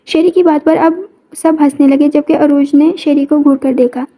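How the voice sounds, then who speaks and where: A woman narrates a romantic novel in a high voice. Her tone is soft and mellow, and she reads every character's lines herself. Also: fairly even intonation, moderate pace. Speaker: audiobook narrator.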